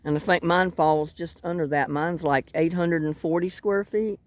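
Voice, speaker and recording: Fishing by the water, this older vlogger talks in a rambling, folksy, self-deprecating manner with a North Carolina Southern accent. Her voice sits lowish and fairly even, moving at a moderate pace, and the recording is dry.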